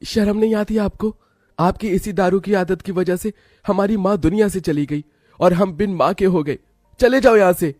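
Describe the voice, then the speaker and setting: Man acting an earnest, high-pitched poor brother. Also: moderate pace, a little mellow, no room sound, clean studio sound, soft background music, natural voice. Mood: angry. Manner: earnest, emotional. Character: self-sacrificing, protective poor young elder brother.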